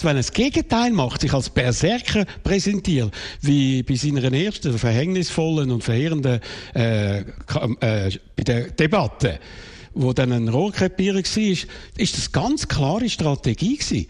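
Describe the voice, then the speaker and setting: A man's voice: medium pitch, animated, normal speed, darkish tone. A man with a Swiss German accent co-hosting a casual debate, probing and pressing his partner for serious answers. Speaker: debate co-host.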